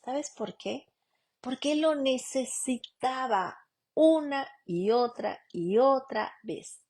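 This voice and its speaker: Preaching a radio sermon broadcast from Canada, this woman, a lawyer and radio preacher, earnestly questions her audience directly and calls them beloved sister. She speaks slowly in a high, animated voice that is a little mellow.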